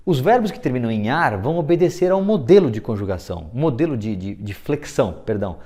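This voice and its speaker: A man's voice: mid-range voice, very animated, fast, dark tone. A middle-aged man teaching a grammar lesson, explaining patiently and often checking in with his students. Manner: explanatory, checks in with listeners with frequent tag questions. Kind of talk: classroom-style grammar lesson.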